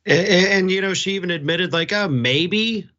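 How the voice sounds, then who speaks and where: Male co-host, middle-aged, forceful and disapproving, bright voice on slightly lo-fi audio. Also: sits high, steady tone, a little fast. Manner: emphatic, disapproving. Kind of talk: opinionated conversational commentary.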